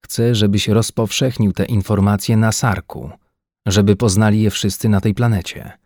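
A man's voice: on the low side, steady tone, moderate pace, darkish tone, dry recording, clean studio sound. A man voicing an agitated, frightened Earthman scientist in a science-fiction audiobook, pleading and near-hysterical. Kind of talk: audiobook character voice.

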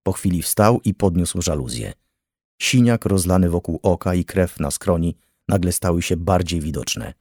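A man narrating an audiobook thriller with a measured, tense reading. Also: low voice, expressive, a little mellow, no echo, studio quality. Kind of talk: scripted narration.

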